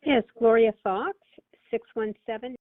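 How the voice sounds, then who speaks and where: A woman caller leaving a halting voicemail full of fillers, heard over a phone line. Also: on the high side, dry recording. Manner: hesitant, halting with many fillers.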